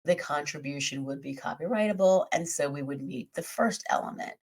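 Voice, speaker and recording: Low-voiced woman with a scratchy throat. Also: brisk, slightly rough. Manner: methodical, lists terms and walks through examples. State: scratchy, hoarse voice. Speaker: podcast host. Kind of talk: explanatory podcast monologue.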